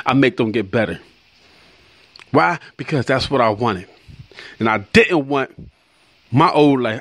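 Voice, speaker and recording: A man's voice: mid-range voice, fairly bright tone, dry recording. A middle-aged man, a barber, giving a preachy motivational monologue full of swearing. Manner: emphatic, preachy, swears a lot. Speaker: barber and podcast host.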